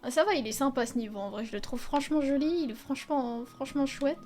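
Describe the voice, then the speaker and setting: A woman's voice: high voice, quick pace, a little mellow. A young woman giving casual, chatty commentary while playing a video game, exclaiming often and swearing freely. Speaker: video game let's player. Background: faint game music.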